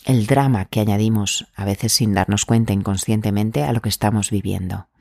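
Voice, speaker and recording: Gentle man giving calm advice. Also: fairly low pitch, vocal fry, no echo, clean studio sound. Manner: gentle, measured, encouraging. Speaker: anxiety coach. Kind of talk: calm self-help advice talk.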